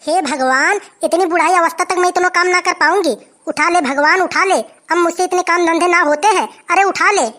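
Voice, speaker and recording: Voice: very high-pitched, moderate pace, hardly any pauses, pushed and bright. A voice actor doing a wailing old village woman. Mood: complaining. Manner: wailing, complaining.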